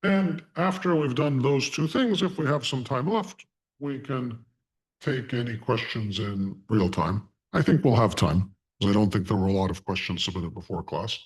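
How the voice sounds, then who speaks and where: A man teaching a live online class in deliberate short phrases, his voice disguised as deep and unclear by a voice changer. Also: rough recording. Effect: voice changer giving a disguised deep, Darth Vader-like voice. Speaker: online course instructor. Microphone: online video call through a voice changer.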